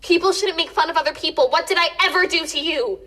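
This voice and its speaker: Anxious teenage girl, hurt, high-pitched, bright sharp voice, naturalistic screen drama. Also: fast. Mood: upset, indignant.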